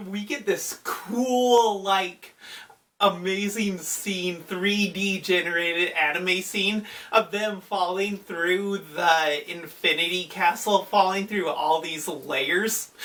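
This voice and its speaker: Slow-talking enthusiastic man recapping anime. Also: sits high, sharp tone. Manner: enthusiastic, rambling with many "like"s. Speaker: anime YouTuber. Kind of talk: casual episode recap. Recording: voice distant from the mic.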